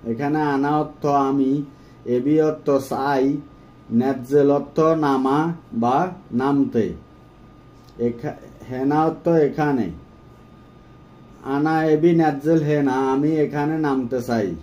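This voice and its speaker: Slow, mellow-voiced man teaching phrases. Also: mid-range voice, fairly even intonation. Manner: slow, measured, repeating each phrase. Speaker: language teacher. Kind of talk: phrase-by-phrase language lesson.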